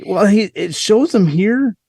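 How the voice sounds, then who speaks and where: A man's voice: high voice, animated, measured pace, gravelly, darkish tone, breathy edge, no room sound. Teasing man, dry close sound. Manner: laughing, teasing, calls people "dude". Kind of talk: casual banter on a call.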